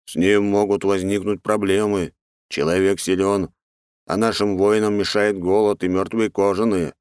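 A man voicing a large, deferential male insect herald reporting to his queen, with a smooth voice. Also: on the low side, flat delivery, moderate pace, darkish tone, no room sound, clean studio sound, close to an everyday voice.

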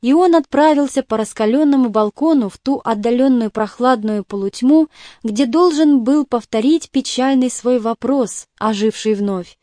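Warm-voiced woman narrating a novel. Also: a little high, no room sound, clean studio sound. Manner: measured, even reading. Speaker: audiobook narrator. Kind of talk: scripted literary narration.

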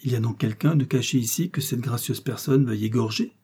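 A contemptuous nobleman, voiced by a man, who jeers at his captive in a storybook reading. The voice is dark, mellow and husky. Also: mid-range voice, normal speed, lightly acted. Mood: scornful. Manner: mocking, scornful. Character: mocking, contemptuous older baron.

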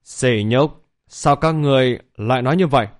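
Guy reading a cool young hero, calm and short with his words. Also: medium pitch, normal speed, natural voice. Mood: puzzled.

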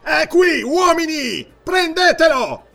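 A man putting on a gloating, high-voiced fat magistrate. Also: takes it slowly, vocal fry, soft background music, exaggerated voice. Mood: commanding. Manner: chuckling, taunting, shrill when excited.

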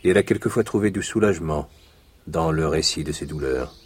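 Monte Cristo, a very deep composed count. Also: male voice, a little fast, slightly rough. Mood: calm. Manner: calm, courtly, assured. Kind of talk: 1980s radio drama.

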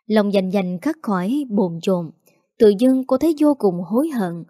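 A woman narrating a story in a steady, measured way. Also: mid-range voice, dry recording, clean studio sound.

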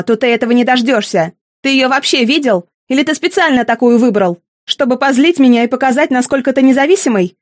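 Domineering mother, scolding and nervous, raised pitch, dry close sound as a woman narrator puts her on. fits a storybook reading. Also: no room sound, lightly acted. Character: domineering wealthy middle-aged mother, shrill and reproachful.

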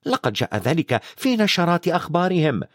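A man's voice: on the high side, sing-song, fairly quick, no echo, studio quality, pitched above the performer's own voice. A man voicing a strict, impatient older witch professor in a storybook reading, talking sharply and fretfully.

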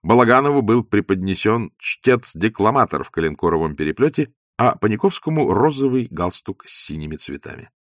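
A man narrating a novel as an audiobook in a measured, expressive literary style. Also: fairly low pitch, no echo, studio quality.

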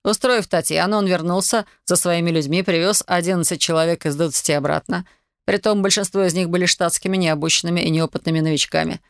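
A reader narrating a novel in an even, measured way, close to the mic. The sound is dry and dead, with no room around it. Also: mid-range voice, clear, resonant tone, dry recording. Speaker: audiobook reader. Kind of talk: scripted literary narration.

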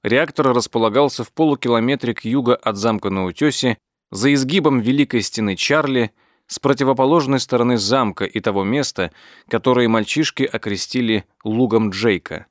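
A man reading an audiobook as its narrator, telling the story in a measured, even way. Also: mid-range voice, dry recording, studio quality. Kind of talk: scripted narration.

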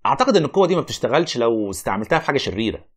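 A man's voice: mid-range voice, sing-song, very fast, slightly rough. An actor playing a wry, reluctant, learned Egyptian man who argues, explains and narrates in a radio play. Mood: explaining.

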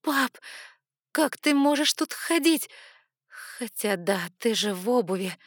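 A woman's voice: normal speed, no room sound, studio quality, natural voice. A woman voicing a desperate young woman who cries and begs her father for help. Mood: sobbing, pleading. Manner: high, tearful, pleading cries. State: crying.

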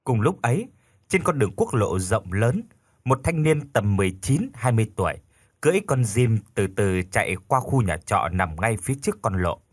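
A man narrating a scripted ghost story in a dramatic, expressive way. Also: fairly low pitch, normal speed, breathy edge, no room sound, clean studio sound.

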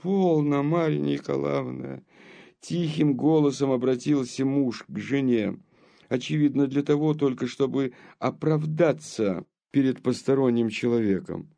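A man narrating a classic novel as an audiobook in a slow, measured storytelling manner. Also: medium pitch, creaky, dark tone.

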